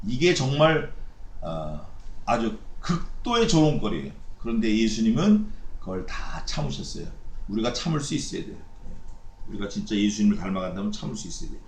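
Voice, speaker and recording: A man preaching a sermon as pastor, animated and acting out mocking voices. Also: mid-range voice, reverberant. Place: church sanctuary.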